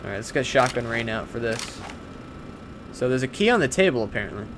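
Excitable male gameplay commentator. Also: medium pitch, fairly quick, noisy background. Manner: chatty and easily spooked, yelling and cursing in tense fights. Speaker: let's play commentator.

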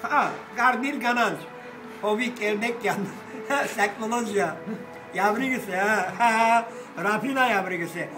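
An older man holding forth at a cafe table, boisterous and rambling, swearing and breaking into loud outbursts. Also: high-pitched, unhurried, distant mic. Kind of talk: rowdy table talk. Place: cafe with glass front, indoors. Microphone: phone camera across the table. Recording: echoey room, voice off-mic, music behind.

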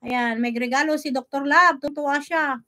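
A woman from the Philippines hosting a vlog, chatting casually about a video, laughing often and reading out viewer shout-outs. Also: high voice, steady tone, moderate pace. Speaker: vlog host commenting on a video. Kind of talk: casual live commentary.

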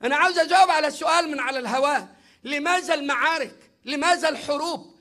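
Middle-aged Egyptian preacher, very high and bright voice, emphatic and often shouting at the congregation. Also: male voice, rapid-fire. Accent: Egyptian Arabic. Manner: emphatic, often shouting, addressing viewers directly. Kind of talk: sermon.

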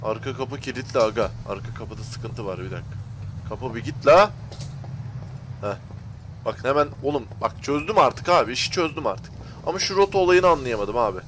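A man's voice: medium pitch, fairly bright tone, a little hiss or hum. Young man doing casual game commentary. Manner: exasperated, talks to viewers and the game, slangy. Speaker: gaming YouTuber. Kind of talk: gameplay commentary.

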